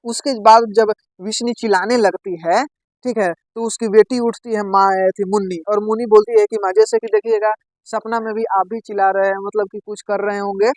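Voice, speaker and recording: A man's voice: sits high, level tone, a little fast, no room sound, poor audio. Man explaining a play, dry close sound. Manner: reads lines aloud, then explains them in plain words. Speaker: teacher.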